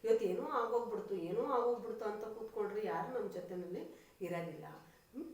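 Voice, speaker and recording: Woman teacher in an echoey room. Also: mid-range voice. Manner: switches between English reading and quick explanation; addresses children, repeats lines for emphasis. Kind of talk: classroom lesson explaining a text.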